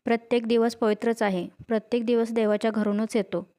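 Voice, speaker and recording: A bold, stubborn village man speaks firmly, read by a woman in her own voice. The pitch stays a little high and quite even. This is a storybook reading. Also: fairly quick, natural voice. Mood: dismissive.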